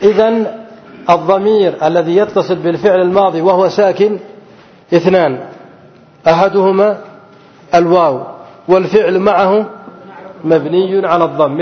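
A man teaching a grammar lesson, repeating rules and putting questions to his students. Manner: repeats and drills, asking students to fill in answers. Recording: roomy hall, dull low-fi sound.

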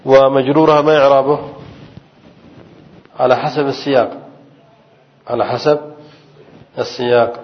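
A man teaching a traditional grammar class, asking his students questions and answering them himself. He repeats key points slowly to make them stick. The recording sounds muffled and lo-fi. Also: medium pitch, steady tone. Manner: reads the text aloud in a raised voice.

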